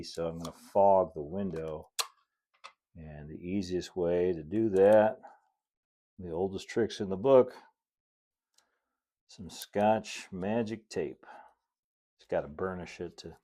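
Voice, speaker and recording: A middle-aged man with a deep, mellow voice narrates a hands-on hobby tutorial as a model railroad builder and video host, speaking in a casual, folksy way full of chatty asides.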